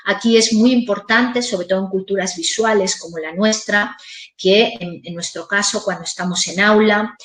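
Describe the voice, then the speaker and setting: A woman's voice: medium pitch, moderate pace. Woman lecturing in a roomy space. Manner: lively, demonstrative, varies intonation. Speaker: voice and communication trainer. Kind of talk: webinar lecture. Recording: roomy echo.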